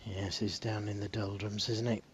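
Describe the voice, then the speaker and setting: Hushed conversational male snooker pundit. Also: fairly low pitch, level tone, moderate pace, slight background noise. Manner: conversational, short clipped observations. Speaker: snooker co-commentator.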